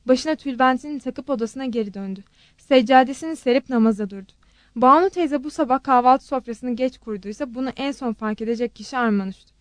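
A woman narrating a novel in a steady, measured audiobook style. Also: sits high, no echo.

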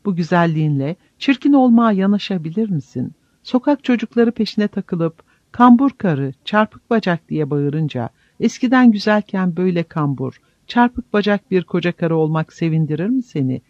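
Brief: a man playing a severe friar, searching and harsh, in a flat lo-fi audiobook recording. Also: sits high, normal speed, few pauses, dry recording. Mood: stern testing. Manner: harsh, probing questions. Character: stern ascetic friar, a grown man, harsh and testing. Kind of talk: audiobook reading.

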